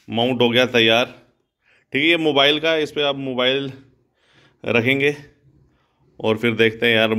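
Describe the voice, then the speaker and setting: Speaking in a lowish, bright and forceful voice, a motovlogger thinks out loud and rambles as he rides a motorbike on the road outdoors. A phone mounted to the bike captures his casual vlog chat.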